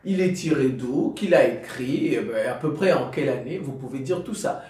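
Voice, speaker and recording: A man teaching a lesson in a halting, repetitive way, often restarting sentences and speaking directly to his students. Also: mid-range voice, expressive, a little mellow. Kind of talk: classroom-style explanation. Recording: very echoey room, mic far off.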